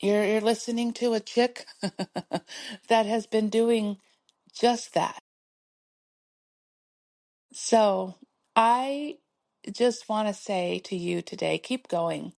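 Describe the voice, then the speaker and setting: A middle-aged woman hosts her own motivational podcast, speaking slowly in a gravelly, slightly mellow mid-range voice and pausing often. She's soothing and encouraging, laughing frequently as she urges listeners to keep going.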